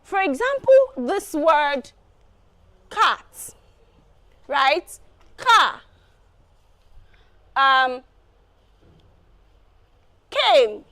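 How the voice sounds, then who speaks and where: A woman's voice: sits high, sing-song, drawn-out words, long pauses, bright, forceful tone. A woman teaching an exam preparation lesson, explaining step by step and often repeating her phrases.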